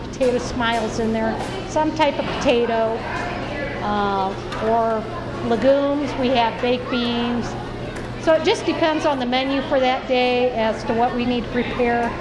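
A Midwestern woman with a somewhat high voice explains her kitchen work in a practical, matter-of-fact way. Background noise runs steadily under the interview. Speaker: school cafeteria worker. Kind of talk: interview answers.

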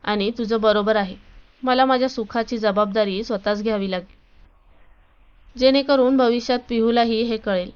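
A woman voicing a calm, newly confident young wife in a read-aloud story, speaking steadily and firmly. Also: on the high side, moderate pace, clean tone, natural voice. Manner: calm, firm. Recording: dull lo-fi recording.

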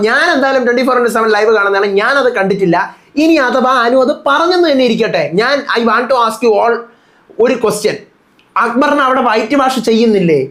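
Malayali guy doing rapid reality show commentary, insistent, keeps retelling what everyone said. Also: very high-pitched, fairly bright tone. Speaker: show reviewer and host. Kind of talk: fast live-update commentary.

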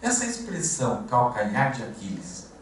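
A man preaching in a conversational, storytelling manner, often pausing on fillers and restarting his sentences. He is recorded from a distance in a very echoey church hall. A faint hiss sits behind his voice. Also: medium pitch, huge pitch swings. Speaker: pastor. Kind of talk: expository sermon. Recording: echoey room, distant mic, faint noise.

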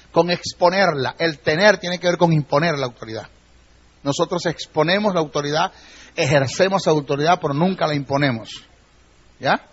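A man with a fairly high, husky voice teaches a church class as a Bible teacher. He is emphatic and keeps checking in with his listeners, on a muffled, lo-fi recording. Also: a bit bright. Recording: dull lo-fi recording.

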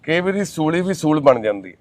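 This man's voice is on the high side and very animated as he, a social worker hosting the channel, comforts a family and appeals to his audience. His words are warm, reassuring and fatherly; he calls people son and sister and slowly chants a prayer.

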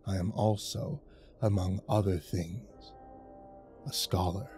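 A man voicing a cold, contemptuous alien emissary from the stars, speaking in slow, measured pronouncements through a metallic voice filter. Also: low-pitched, fairly even intonation, over music, pitched below the performer's own voice. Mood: condescending. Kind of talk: audiobook narration.

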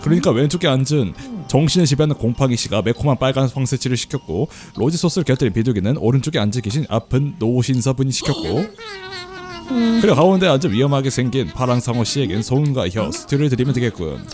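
A man's voice: mid-range voice, lively intonation, quick pace, darkish tone, faint music behind. A man giving casual let's play commentary, chatty and often laughing as he reads the game text aloud. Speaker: game streamer.

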